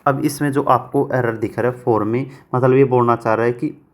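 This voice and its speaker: A man teaching English grammar for exam prep in Hindi, who asks questions and answers them himself and reads example sentences out slowly, word by word. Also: medium pitch, fairly even intonation. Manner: asks and answers his own questions, repeats answers.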